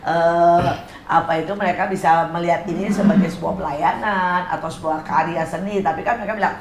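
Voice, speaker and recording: A woman's voice: on the low side, fairly even intonation, fairly quick, reverberant, noisy background. A woman hosting a casual interview show in a garden, chatty and teasing, asking many questions. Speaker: host. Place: outdoor garden.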